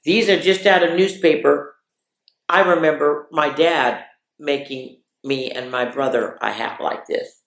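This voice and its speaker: Reading picture books aloud to kids, this woman hosts a story time and chats in small asides along the way. She has a low voice and speaks a little slowly, and the sound is roomy with plenty of echo.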